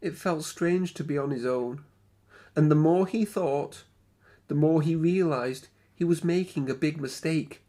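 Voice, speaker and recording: A man reading a children's picture book aloud as an expressive storyteller, with dramatic phrasing and drawn-out words. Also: a little high.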